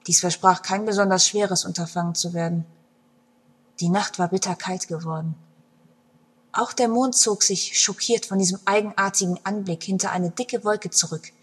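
A woman narrating a story in an expressive storytelling manner, her loudness swinging between hushed and strong passages, with a breathy voice. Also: medium pitch, moderate pace.

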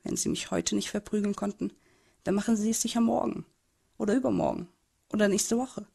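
A woman's voice: medium pitch, brisk, vocal fry, mellow, breathy edge. A woman voicing a timid, bullied teenage boy who narrates his own story in an amateur audio drama, in a hesitant, subdued way.

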